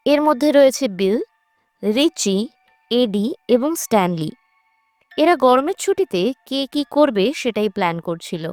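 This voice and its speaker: A woman narrates a scripted horror film recap as a voice-over for a movie recap channel, telling it like a story. Her voice is fairly high and the recording dry, with background music underneath.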